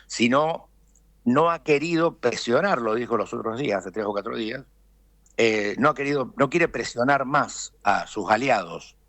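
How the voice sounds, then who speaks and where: An Argentine businessman being interviewed, explaining his views deliberately and filling pauses with frequent hesitations. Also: medium pitch, a bit bright, no echo. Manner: deliberate, thinking aloud with frequent "este" fillers. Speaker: businessman guest. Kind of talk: conversational interview analysis.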